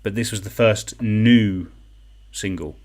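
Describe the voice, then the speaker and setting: A man's voice: on the low side, takes it slowly, a little mellow. A young man hosting an online quiz in a chatty, self-deprecating way, reading out comments and repeating each question. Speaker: quiz host. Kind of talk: casual live-stream quiz hosting.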